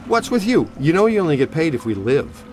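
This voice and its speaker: A man's voice: a little high, very animated, fairly quick, noisy background. An actor playing Venkman, a reluctant ghost hunter in a video game who talks with wry, wisecracking sarcasm. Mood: sarcastic. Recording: loud music behind voice.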